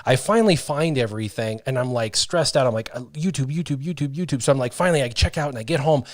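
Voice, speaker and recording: A man's voice: medium pitch, quick pace. Man in his thirties, livestream host, reads chat comments aloud, self-deprecating jokes, casual banter, mid-range voice, close studio mic, dry room with no echo. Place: small home studio room. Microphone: studio mic with headphones.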